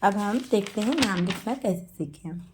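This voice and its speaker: A woman teaching a spelling lesson, dictating names slowly syllable by syllable and explaining each letter. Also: mid-range voice, noisy background.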